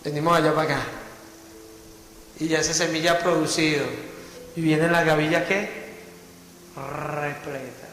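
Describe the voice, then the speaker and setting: A man's voice: fairly high pitch, flat delivery, moderate pace, long pauses, a bit bright. A man preaching a sermon as pastor, fervently asking the congregation rhetorical questions. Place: church hall. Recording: echoey church hall, faint music.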